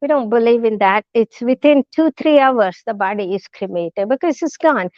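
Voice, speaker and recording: A woman giving a talk as a guest speaker, telling a story in a halting way, with many restarts and fillers, and acting out the quoted lines. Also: fairly high pitch, expressive, no echo, dull audio. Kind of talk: storytelling lecture.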